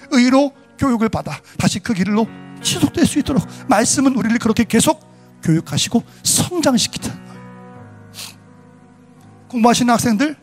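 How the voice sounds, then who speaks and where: High-voiced, animated Korean pastor preaching. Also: male voice. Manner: animated, acting out quoted voices. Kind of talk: sermon.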